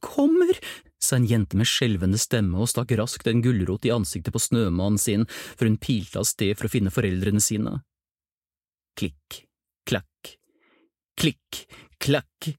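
A man's voice: lowish voice, warm tone, no echo, studio quality. A man narrating a storybook tale, breaking off into playful, chatty asides to the listener.

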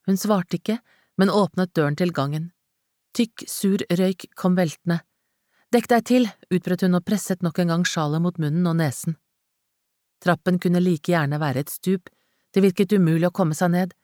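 A woman with a fairly low voice reads a novel aloud in a measured, dramatic way. The recording is close and dry, with no room sound. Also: steady tone, a little mellow, no room sound. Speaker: audiobook narrator. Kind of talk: scripted narration.

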